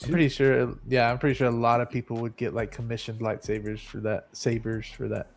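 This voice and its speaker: Gravelly, laid-back slangy man. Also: mid-range voice, little pitch movement, fairly quick. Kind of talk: casual chat.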